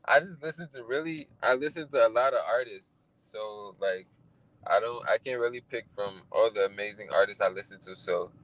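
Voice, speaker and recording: A young man from Liberia, raised in Ghana, answering interview questions about his music in a soft, hesitant way with many fillers. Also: fairly low pitch, moderate pace, poor audio. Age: young adult. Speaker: musician guest. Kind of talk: interview answers over a call.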